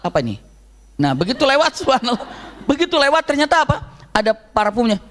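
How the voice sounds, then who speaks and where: Animated high-voiced male preacher. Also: fast talker. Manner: animated storytelling, acting out shouted voices. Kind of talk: Islamic sermon to a congregation.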